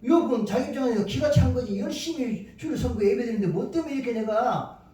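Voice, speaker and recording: A man's voice: very high-pitched, expressive, fast, mellow. A male pastor preaching a sermon, emphatic and telling stories with acted-out quotes. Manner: emphatic, storytelling, acts out quotes. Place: church sanctuary. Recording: very echoey church hall from far off.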